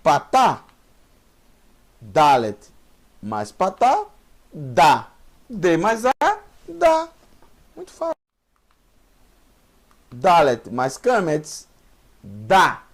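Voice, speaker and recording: Slow, lively-pitched man teaching. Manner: patient, repeats sounds and drills letter by letter; encouraging, asks the viewer questions. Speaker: Hebrew teacher. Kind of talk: online language lesson.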